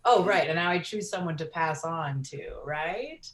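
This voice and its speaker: A woman introducing herself on a video call, slow and giggly. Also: low voice, animated. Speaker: participant. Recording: roomy call with faint noise.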